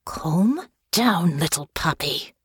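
A woman voicing a blunt, sharp-tongued young woman who speaks tartly and often keeps her voice hushed. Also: fairly low pitch, expressive, normal speed, breathy edge, dry recording, studio quality. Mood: hissing. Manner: tart, snappish, hushed.

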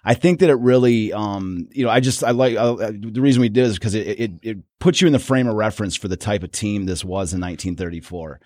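A man's voice: lowish voice, fast talker, few pauses, a little mellow, dry recording, studio quality. Rambling man talking sports history. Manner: rambling, many restarts and fillers. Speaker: podcast co-host. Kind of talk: casual sports history chat.

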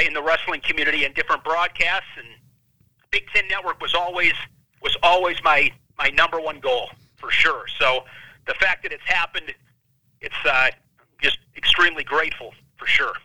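A man in his thirties, a wrestling analyst, telling his career story as a podcast guest in an intense, high-strung way. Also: sharp tone, no room sound, rough recording.

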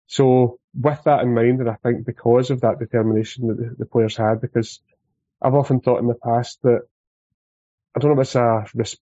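A man's voice: medium pitch, mellow, no echo. A Scottish man talking casually about football as a podcast guest, on a dull, dry recording.

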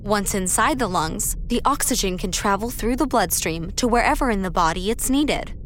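A woman playing a confident, helpful medical superhero, giving clear instructive narration in an educational cartoon. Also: mid-range voice, animated, moderate pace, a bit bright, slight background noise, close to an everyday voice. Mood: explaining.

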